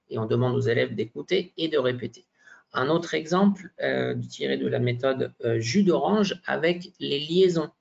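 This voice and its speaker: A man's voice: medium pitch, gravelly, breathy edge. A man giving a teacher-training workshop presentation, hesitant, with many fillers and frequent tag questions. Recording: dull lo-fi sound.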